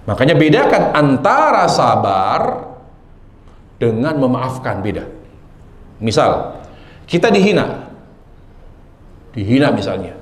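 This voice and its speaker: A man preaching a sermon to a live audience, animated and questioning his listeners. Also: medium pitch, slow, pauses often. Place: lecture hall with audience. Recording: echoey hall.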